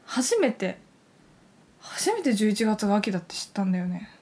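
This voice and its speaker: A woman's voice: mid-range voice, very animated, moderate pace, darkish tone, husky. A young woman, a university student, co-hosting a radio-style talk show with casual chat and politely scripted greetings. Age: young adult, university student.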